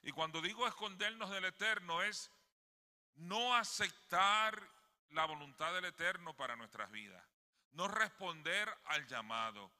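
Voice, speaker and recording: A Puerto Rican man preaches an emphatic sermon in a high, pushed, bright voice, frequently using tag questions to seek his congregation's agreement. He speaks indoors in a sanctuary, and a long hall reverb trails his words.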